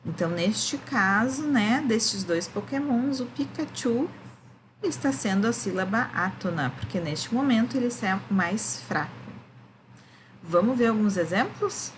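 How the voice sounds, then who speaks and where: A woman's voice: on the high side, expressive, measured pace, a little hiss or hum, low-quality recording. A woman, a primary school teacher, gives a remote lesson to children, explaining patiently and often checking that they follow.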